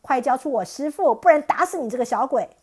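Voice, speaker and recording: Woman doing a loud, cocky monkey king. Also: sits high, lively intonation, quick pace, slightly rough. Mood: angry. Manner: shouting, cocky and teasing. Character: boastful, bold male monkey king hero.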